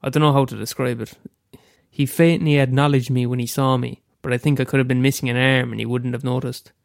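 A young amateur storyteller from Ireland, suffering a head cold, opens hesitantly and casually before reading a short story he wrote. The voice is mid-range, gravelly and brisk, with little pitch movement, recorded dry at studio quality.

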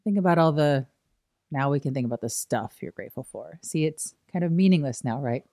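A woman hosting a yoga podcast, gently guiding a gratitude meditation at home in a conversational, laughing manner. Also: sits low, animated, brisk, dry recording, clean studio sound.

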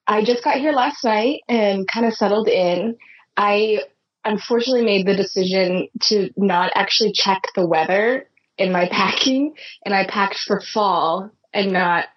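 A woman's voice: medium pitch, unhurried, highs cut off. A woman from Seattle, a wedding photographer, chatting casually and friendly as a podcast guest. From Seattle, USA. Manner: friendly, chatty, laughs easily. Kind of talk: casual interview chat.

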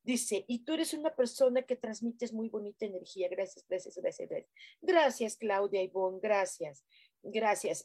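A Mexican woman hosting a casual live stream, chatting playfully and reading out comments from viewers. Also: medium pitch. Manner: playful, chatty, breathy hushed guiding. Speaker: host of a live spiritual stream.

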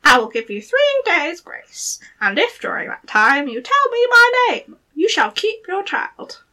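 A sly little hobgoblin man from a storybook haggles in a high, squeaky voice that sits far above a normal speaking pitch, as a woman reading the tale puts him on. He sounds pushy and loud, with a pinched, strange tone. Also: big pitch swings, measured pace, heavily acted. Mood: sly bargaining. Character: small scheming male hobgoblin, sly and bargaining.

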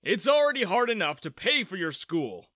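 A stern, worried father in a narrated story, firm and forbidding, as a male storyteller puts him on. His voice is lifted above the narrator's own, lively in pitch. It is recorded dry and close. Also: slow pace, no room sound, full character voice.

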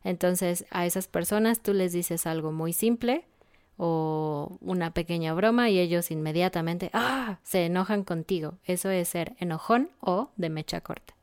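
A Mexican woman teaching Spanish vocabulary in a casual lesson, explaining words with clear examples. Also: lowish voice, moderate pace, darkish tone, dry recording, clean studio sound.

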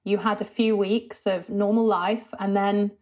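A woman hosting an interview, asking quick, empathetic follow-up questions. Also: medium pitch, flat delivery, darkish tone. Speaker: podcast interviewer. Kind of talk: conversational interview.

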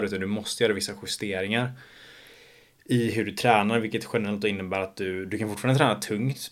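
A young man in his twenties, slightly hoarse from shouting, talking alone in a casual monologue podcast, rambling with many fillers and casual swearing. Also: lowish voice. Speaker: podcast host.

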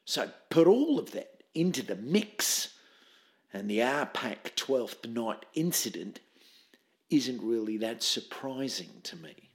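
A husky, pompous drama-club man. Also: mid-range voice, very animated, full character voice. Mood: grave. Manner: formal, theatrical, grandly measured. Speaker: interviewee. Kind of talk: mockumentary interview acting.

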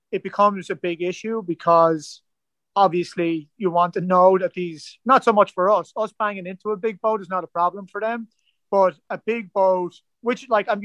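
High-voiced Irish man, rambling story. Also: pushed and bright, no room sound, dull audio. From Ireland. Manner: rambling, full of "like" and "kinda" fillers. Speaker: guest, ocean rower. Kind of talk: casual storytelling interview.

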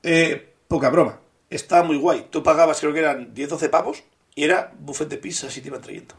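A man's voice: a little high, a little fast. A man co-hosting a podcast, chatting casually, telling stories, joking and swearing freely. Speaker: podcast co-host. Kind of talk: casual chat.

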